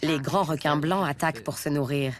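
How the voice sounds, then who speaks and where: A man's voice: on the high side, moderate pace, crowd noise. A man explaining as an expert interviewee in a documentary.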